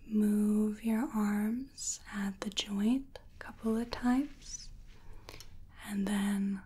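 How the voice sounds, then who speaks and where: A woman in her twenties in a whispered role-play as a soothing clinician, giving slow, breathy relaxation instructions up close. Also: mid-range voice, mellow. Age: 20s. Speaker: ASMR performer playing a sleep clinician.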